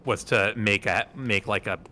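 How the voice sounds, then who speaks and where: A man's voice: fairly low pitch, normal speed, background noise. A man co-hosting a live stream, talking in a rambling, jokey way. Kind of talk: casual live-stream chat.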